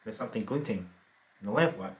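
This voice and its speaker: An Australian actor delivers a theatrical monologue as a lazy, remorseless killer, speaking offhandedly and laconically with plenty of fillers and an offhand calm. His natural voice is fairly low and quick. The mic is distant and the room echoes.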